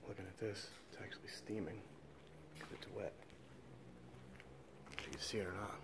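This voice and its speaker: Guy half-whispering little comments as he pokes around an old mill, faint camera-mic audio with noise behind, gravelly. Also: fairly low pitch, normal speed. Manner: hushed, half-whispered remarks while exploring. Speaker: urban explorer host. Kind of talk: quiet walking commentary. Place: inside an abandoned mill. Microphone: handheld camera without its mic.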